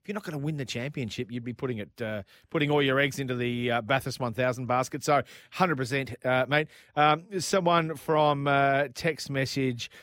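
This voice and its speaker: A man's voice: medium pitch, steady tone, moderate pace, few pauses, fairly bright tone, no echo. Jokey male radio co-host, dry sound. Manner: jokey, reads listener texts with a laugh. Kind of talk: casual radio banter.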